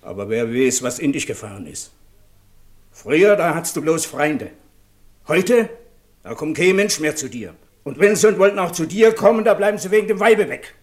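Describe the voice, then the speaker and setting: An insistent man presses his reproaches with a lively, swinging voice, as an actor plays him. His voice sits rather high. This is a classic radio play. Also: moderate pace, close to an everyday voice. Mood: reproachful. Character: agitated man accusing a wife, insistent. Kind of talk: 1950s German radio play acting.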